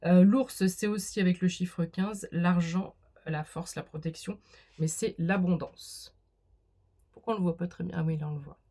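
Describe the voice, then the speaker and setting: A woman's voice: lowish voice, steady tone, moderate pace, dark tone. A woman doing a casual spoken card reading, talking straight to the viewer with many fillers and restarts. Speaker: card reader.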